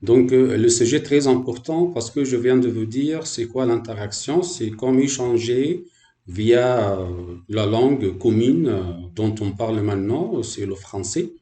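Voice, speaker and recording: A man's voice: medium pitch, measured pace, mellow, echoey room. A man from Egypt, a French language teacher, gives a hesitant talk to fellow teachers with many fillers and restarts.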